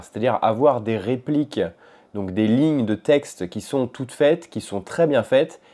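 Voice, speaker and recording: A man in a casual home vlog, with a warm, mellow voice and a middle pitch. He talks in an easy, rambling way, with many small hesitations. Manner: relaxed and rambling, with frequent hesitations. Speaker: language-learning vlogger and podcaster. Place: at home in his apartment.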